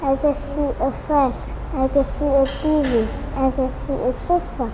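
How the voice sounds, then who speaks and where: A woman answering simple questions in beginner English, halting and repeating each sentence pattern. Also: high voice, fairly even intonation. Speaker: English student. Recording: background noise.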